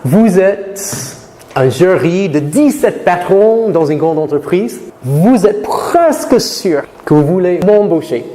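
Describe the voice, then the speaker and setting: A man from Florida lecturing students in a lecture room, lively, and slowing to careful English for learners. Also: sits high. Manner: lively, switches to slow deliberate English for learners. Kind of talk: classroom talk to students. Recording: reverberant hall with faint noise.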